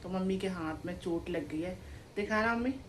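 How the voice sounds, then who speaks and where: A woman's voice: fairly low pitch, a little fast, slight background noise, poor audio. Chatty young woman vlogging at home. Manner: chatty, rambling, talks straight to camera. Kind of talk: casual home vlog. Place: indoors at home.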